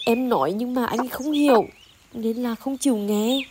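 A woman's voice: on the high side, moderate pace, lightly acted. A woman playing a struggling village wife who speaks earnestly and pleads with her husband. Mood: worried. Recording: noisy outdoor skit recording.

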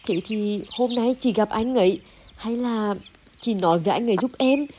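Woman as a worried village wife, high earnest voice, pleading, noisy recording. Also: moderate pace, dark tone, natural voice. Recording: noisy outdoor skit recording.

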